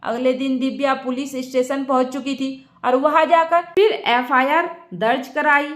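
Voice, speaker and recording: A woman storyteller narrating a dramatic family story in a steady, dramatic manner. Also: high voice, moderate pace, roomy sound.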